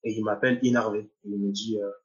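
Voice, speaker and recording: A man's voice: lowish voice, little pitch movement, fast talker, dull audio. A young man from Nigeria, a footballer, giving a personal faith testimony with many repeated words and restarts.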